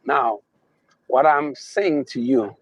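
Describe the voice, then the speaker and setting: A man's voice: medium pitch, expressive, husky, no echo, poor audio. A man from Haiti with a Haitian accent, giving a motivational talk, emphatic and fond of repeating his key phrases. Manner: emphatic, repeating phrases, slow drawn-out stresses. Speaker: motivational speaker.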